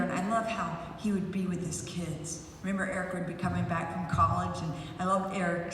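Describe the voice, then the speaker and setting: A woman speaking at an outdoor campaign rally who tells rambling personal stories and works up to loud, rousing calls. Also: lowish voice. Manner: rambling storyteller who grows loud and rousing, leads chants. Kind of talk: personal anecdotes in a political rally speech. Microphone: public address system picked up from a distance. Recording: echoey, distant rally sound with crowd noise.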